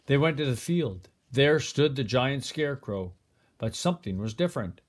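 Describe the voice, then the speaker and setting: In a mid-range voice, an older man reads a children's picture book aloud the way a grandfather might. His phrasing is deliberate and expressive, typical of a storybook read-aloud.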